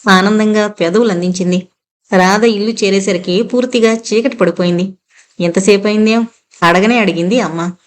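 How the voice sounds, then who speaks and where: Woman reading a novel aloud, steady pace. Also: mid-range voice. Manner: steady storytelling, reading all the dialogue in her own voice. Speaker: audiobook narrator.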